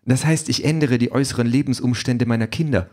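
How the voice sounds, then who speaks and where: A man's voice: mid-range voice, fast, dark tone, pitched above the performer's own voice, lightly acted. A man voicing a bitter, defiant young mother who is walking out on her husband, with a scornful, cutting way of speaking.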